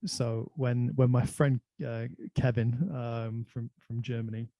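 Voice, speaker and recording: A man's voice: mid-range voice, little pitch movement, slow pace, warm tone, dry recording, muffled recording. An Irish man hosting a casual conversation, chatty and anecdotal, telling stories from his life. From Ireland. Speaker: host.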